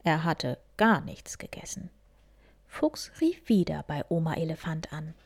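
A woman softly whispering a children's story, reading one tale after another. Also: low voice, sing-song, measured pace. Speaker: reader.

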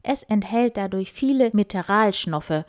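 A woman voicing a proud male wild boar innkeeper in a children's story, loud and squealing. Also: mid-range voice, expressive, measured pace, no echo, clean studio sound, lightly acted.

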